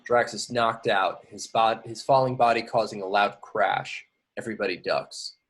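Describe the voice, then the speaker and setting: During an amateur table read, a man narrates the stage directions from the script. His voice is fairly low, his tone steady, and his pace moderate.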